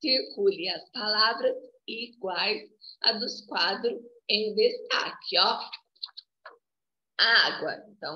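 A woman preschool teacher with a Brazilian Portuguese accent, coaxing little children through a remote lesson in a slow, singsong way and saying "ó" again and again. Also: mid-range voice, bright, forceful tone. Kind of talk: remote class for small children. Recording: echoey, dull lo-fi home video.

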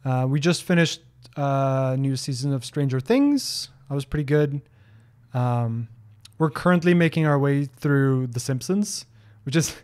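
This Norwegian man in his thirties has a mid-range, slightly mellow voice and speaks English as a second language. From his home office, he chats through a livestream Q&A, reading viewer questions aloud into a desk broadcast mic close to his face, with lots of ums and restarts.

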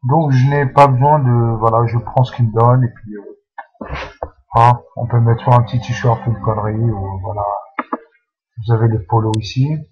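A man's voice: mid-range voice, steady tone, normal speed, dull audio. A man casually talking through a game tutorial, hesitant and full of fillers and restarts. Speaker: channel host explaining a game.

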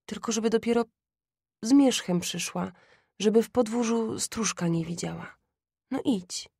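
Woman narrator playing a dying mother; weak, hushed and breathless, gentle. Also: mid-range voice, unhurried, creaky, slightly rough, no echo, clean studio sound. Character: gravely ill poor mother, weak, gentle.

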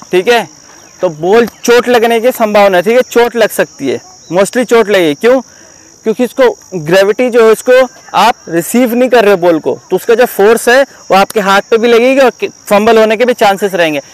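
A man's voice: high voice, rough recording. A male cricket coach giving an outdoor fielding demonstration to a group of students. He explains step by step and keeps checking whether they have understood. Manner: instructive, repeatedly checks understanding.

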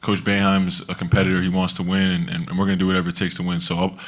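Young athlete, deep flat earnest voice. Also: male voice, rapid-fire. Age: young adult. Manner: earnest, repeats words. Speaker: college basketball player. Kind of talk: press conference answers. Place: press conference room. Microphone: table microphone.

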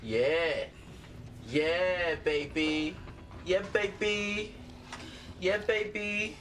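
A man's voice: sits high, steady tone, very slow, a bit bright, slight background noise. A man giving let's-play commentary, talking back at the screen and cheering the character on. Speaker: gaming channel host.

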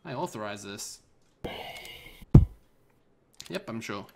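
A streamer chatting casually while gaming, excitable and quick to grumble or gush. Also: medium pitch, vocal fry, heavy background noise. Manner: excitable, swings between grumbling and gushing. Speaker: streamer playing a team shooter.

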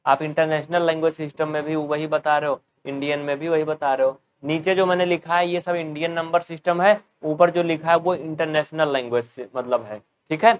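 A man's voice: on the high side, steady tone, brisk, hardly any pauses, clear, resonant tone, muffled recording. A man giving a step-by-step maths lesson at a board, asking his students questions and answering them himself. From North India. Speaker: teacher.

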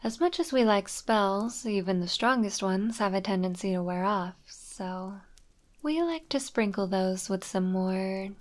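A woman voicing a gentle witch matchmaker in an ASMR roleplay, speaking in a calm, soothing whisper. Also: mid-range voice, a little slow, close to an everyday voice.

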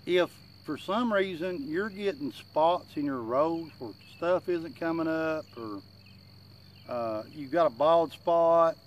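A man's voice: on the high side, slow. Country man talking with tobacco in lip. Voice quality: slightly muffled speech from chewing tobacco in the lip. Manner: plain-spoken, self-deprecating country talk. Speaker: gardening channel host. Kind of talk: casual, folksy advice talk to camera. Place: outdoors in a wooded yard. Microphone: camera a few feet away. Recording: outdoor insect and nature noise.

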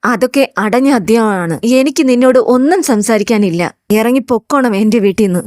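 A woman's voice: fairly high pitch, animated, moderate pace, darkish tone, no echo, studio quality, natural voice. A woman reading the part of a hurt, defensive young single mother who curtly sends a man away. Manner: curt, dismissive.

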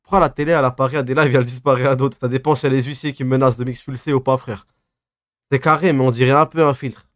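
A man's voice: mid-range voice, fairly even intonation, rapid-fire, dry recording. Young man with a lisp, dry close sound. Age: 20s. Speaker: live streamer. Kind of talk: casual livestream chat, reading and answering viewer comments. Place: small dim room at a desk.

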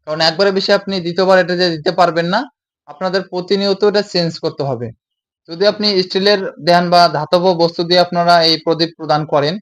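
A man giving devotional instruction, explaining each step and repeating himself, and often reciting a chant. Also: high-pitched. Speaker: devotional teacher. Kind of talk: religious instruction.

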